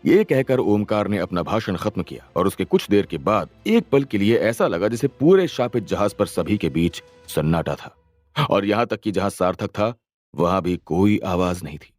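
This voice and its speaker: A man's voice: low-pitched, animated, normal speed, soft background music. A man narrating an audio story with dramatic storytelling.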